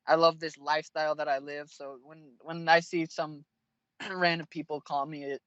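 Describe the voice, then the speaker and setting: A man's voice: on the high side, little pitch movement, moderate pace, a bit bright, clean tone, no room sound, muffled recording. A man in his twenties, a fighter being interviewed, answering bluntly and with plenty of swearing. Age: 20s. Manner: blunt and profane.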